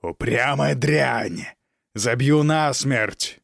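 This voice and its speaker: A man's voice: medium pitch, lively intonation, measured pace, dry recording, studio quality, lightly acted. A man playing a cruel aristocratic count who harshly berates his daughter in an audiobook reading. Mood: furious. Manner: harsh, shouting, menacing.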